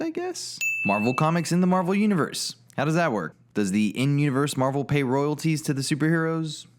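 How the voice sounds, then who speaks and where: A man's voice: fairly high pitch, background noise. A man narrating a comedic video game critique in a sarcastic, mocking way.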